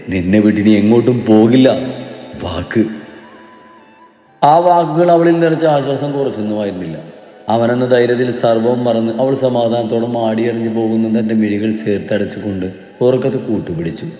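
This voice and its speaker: A male storyteller giving an expressive, dramatic narration of an emotional story, with a mellow voice in a roomy, echoing space. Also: mid-range voice. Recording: roomy reverberant room.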